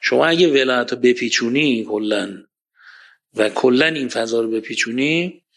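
A man giving a religious lecture, passionate, swinging between loud emphatic points and quiet asides and reciting scripture verses. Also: mid-range voice, gravelly. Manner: recites Quranic Arabic verses.

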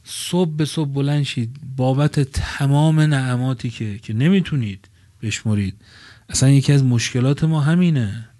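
A man preaches at a tented religious gathering, his voice sitting at an ordinary middle pitch. He drops to near-murmurs, then rises hard on the words he wants to land, stretching them out slowly. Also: no echo, studio quality. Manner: swings between soft asides and loud emphatic phrases, drawing out key words slowly. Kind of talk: religious sermon with storytelling. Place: religious gathering under a tent.

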